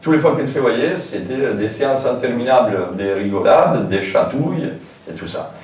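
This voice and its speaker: A man's voice: mid-range voice, lively intonation, moderate pace, a little mellow. A man giving a public lecture in a hall, informal and hesitant, with many fillers and asides. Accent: French with a foreign lilt. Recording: very echoey hall, distant mic, faint noise.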